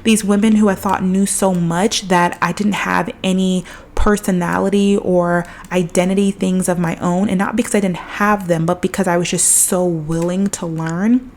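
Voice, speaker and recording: Young woman host, casual solo podcast, rambling and reflective delivery, voice a bit low. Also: level tone, moderate pace, few pauses, a little mellow. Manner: chatty, reflective, heavy use of "like".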